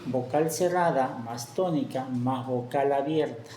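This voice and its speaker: A woman teaching a grammar lesson, speaking slowly and deliberately and spelling out example words one at a time. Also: extremely low pitch, mellow, reverberant, slight background noise.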